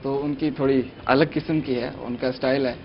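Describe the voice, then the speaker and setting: A man's voice: medium pitch, fairly even intonation. A young man appearing as a mimicry artist on a morning show, chatting eagerly and mixing in English words. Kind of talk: casual TV chat. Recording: dull lo-fi TV studio sound, faint music.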